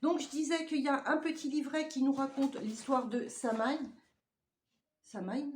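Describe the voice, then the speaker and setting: A woman with a slightly high voice talks casually at home, chatty and prone to rambling off on tangents. A faint hiss sits behind her in the recording. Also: moderate pace. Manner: chatty, digressive, laughs often. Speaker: vlogger. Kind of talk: casual unboxing chat. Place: home indoors.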